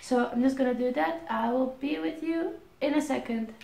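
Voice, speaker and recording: With a high-pitched, warm voice touched by vocal fry, a Dutch airline pilot vlogger in her twenties reads viewer questions and answers them casually at normal speed, using ums and restarts. The recording has a roomy sound.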